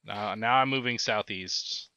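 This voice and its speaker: A young man talks over a headset with a bright, forceful edge to his lowish voice. He jokes and swears casually with his squad, a little winded as he keeps moving. It sounds like relaxed game chatter. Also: measured pace, no room sound, highs cut off. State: out of breath. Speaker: squad grenadier in a military sim game.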